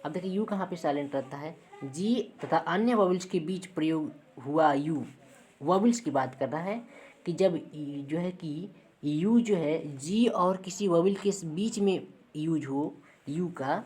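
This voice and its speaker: A woman's voice: low-pitched, a little slow, darkish tone. A woman, teaching a lesson step by step and checking in with her students after each point. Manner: repeats points, checks in with "ठीक है". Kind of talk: classroom lesson.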